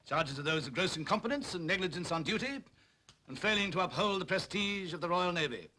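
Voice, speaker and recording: An actor playing a stern, formal naval officer presiding over a court. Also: male voice, high-pitched, expressive, a little fast, bright, forceful tone, a little hiss or hum. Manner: formal, stern, easily flustered. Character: pompous senior male naval officer.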